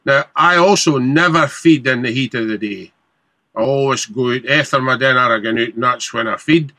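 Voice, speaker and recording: Male gardening expert, Scottish accent, bright firm tone, informal advice, dry recording. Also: medium pitch, moderate pace, dry recording. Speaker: head gardener giving advice.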